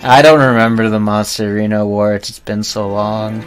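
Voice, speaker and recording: Over background video game music, a man streams his gameplay live, commenting in a laid-back way with dry remarks. He talks at a moderate pace in a lowish, even-toned voice.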